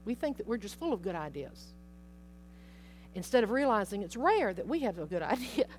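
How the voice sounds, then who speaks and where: A woman's voice: mid-range voice, a little fast, slight background noise. Chatty woman teaching a Bible study. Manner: chatty, animated, acts out quotes, laughs often. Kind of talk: informal teaching talk.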